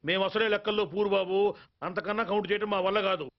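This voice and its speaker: A man's voice: sits high, little pitch movement, very fast, natural voice. An actor playing a playful, mock-serious man who teases a group of women in a film scene. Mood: teasing. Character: joking middle-aged man teasing a crowd of women. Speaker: film character. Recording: dull lo-fi film soundtrack, faint music.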